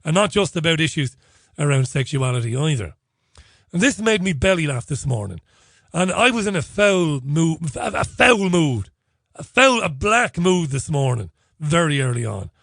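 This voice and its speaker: A man's voice: on the high side, very animated, normal speed, gravelly, fairly bright tone, no room sound, clean studio sound. A man hosting a talk radio show, delivering a sardonic monologue with frequent laughter and mock phone-call banter.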